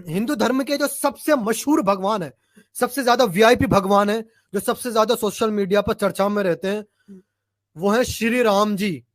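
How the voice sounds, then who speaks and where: A man's voice: high voice, normal speed, fairly bright tone, dry recording, studio quality. A man arguing in an online religious debate, emphatic and challenging, repeating his points for force. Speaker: debate panelist.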